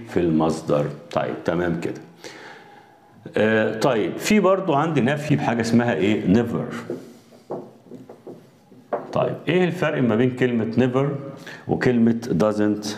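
A man with an Egyptian Arabic accent teaching an English grammar lesson. He poses quiz questions and answers them himself, and spells out English examples slowly. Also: fairly low pitch, big pitch swings, darkish tone, roomy sound, slight background noise.

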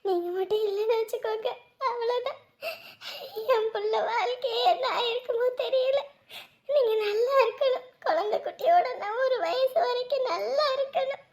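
Woman acting as a tearful village mother, very high voice, wailing. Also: unhurried, a little mellow. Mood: tearful relief. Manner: tearful, wailing, sobbing through her words. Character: grieving village mother at her son's hospital bed. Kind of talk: emotional village drama acting.

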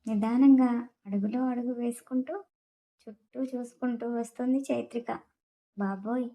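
Even-toned woman narrating a story. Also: fairly high pitch, normal speed, gravelly, poor audio. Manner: reads all characters' lines in nearly the same voice. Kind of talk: scripted narration of a romance story.

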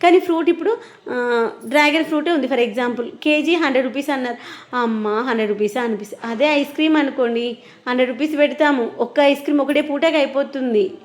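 A woman's voice: high-pitched, fast talker. A woman chatting casually and explaining things to viewers as a vlogger. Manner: explanatory, conversational. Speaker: vlogger and mother.

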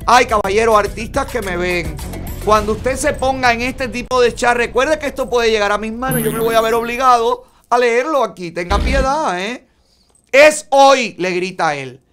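Guy hosting a gossip show, reads chats out loud, super theatrical, lots of dramatic exclamations, faint music behind. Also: very high voice, moderate pace. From Cuba. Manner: flamboyant, theatrical, with frequent exclamations. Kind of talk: reading chats aloud with commentary.

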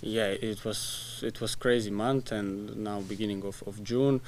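A young man answers reporters after a match, talking in plain, halting bits, restarting phrases, with a soft laugh now and then. His voice sits low and stays flat. The desk mic catches faint room hum. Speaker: soccer player. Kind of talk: post-match press conference. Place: press room in front of a sponsor backdrop. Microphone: desk mic in front of him.

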